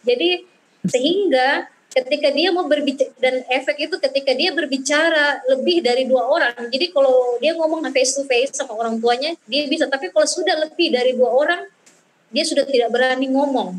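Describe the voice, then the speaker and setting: A woman speaking on parenting as a child therapist, talking slowly with many fillers and repeated words. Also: sits high, low-quality recording. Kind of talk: talk on parenting with audience questions.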